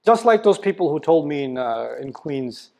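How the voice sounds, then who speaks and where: In a slightly high, mellow voice, very animated and at a moderate pace, a man gives a motivational religious lecture as an Islamic preacher. He comes across emphatic and direct, throwing out rhetorical questions and poking fun at his listeners.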